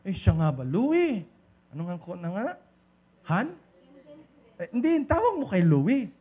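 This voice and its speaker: High-voiced man giving a playful seminar. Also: big pitch swings, unhurried, slightly rough. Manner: playful, teasing, calls on listeners by name. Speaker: seminar speaker. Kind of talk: lecture on communication to a live group. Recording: dull lo-fi recording.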